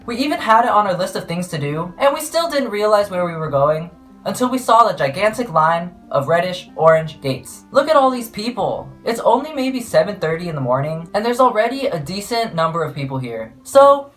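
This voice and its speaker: Lively playful young woman vlogger. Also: on the low side, a little fast, soft background music. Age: young adult. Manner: playful, jokey, self-mocking. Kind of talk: travel vlog narration.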